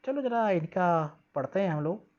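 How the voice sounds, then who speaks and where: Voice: mid-range voice, animated, a little mellow. A teacher reading English sentences aloud and explaining them in Hindi, asking the pupils questions and drilling pronunciation. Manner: reads English lines slowly, then explains and drills pronunciation; asks questions to students and answers them. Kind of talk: classroom lesson explaining English text in Hindi. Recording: dull lo-fi sound.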